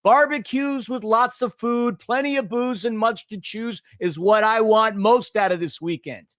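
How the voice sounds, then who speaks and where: A man with a fairly high voice hosts a casual sports talk show. He is upbeat and jokey and full of sports slang. The sound is dry and close, with no room echo. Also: measured pace, a bit bright. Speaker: podcast host.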